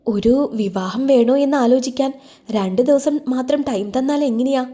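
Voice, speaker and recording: Narrator doing a shy wary young girl, hesitant and doubtful, slightly high voice. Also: normal speed, warm tone, close to an everyday voice.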